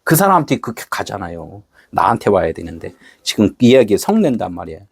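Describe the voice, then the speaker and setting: A man's voice: on the low side, big pitch swings, fast, creaky, husky, no echo. A middle-aged man preaching a sermon in a casual, conversational way, acting out short quoted exchanges. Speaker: pastor.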